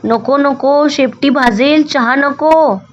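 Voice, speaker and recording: A woman voicing an excitable young male rabbit in a storybook, with a high, pleading, fretful voice. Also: a little slow, lo-fi sound, slight background noise.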